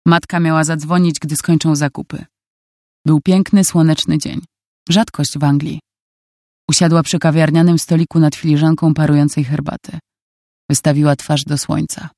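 A narrator reading a novel aloud in calm, even scripted narration. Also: mid-range voice, normal speed, dry recording, clean studio sound.

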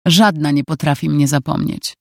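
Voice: mid-range voice, steady tone, moderate pace, gravelly, no room sound, studio quality, natural voice. The audiobook reader voicing a brash, smug young man who talks with mocking swagger. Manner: boastful, mocking.

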